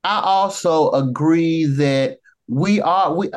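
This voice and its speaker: A man with a Southern accent and a fairly high voice speaks as a guest editor in an interview. He talks earnestly and repeats phrases for emphasis. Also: slow, smooth. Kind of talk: interview answers.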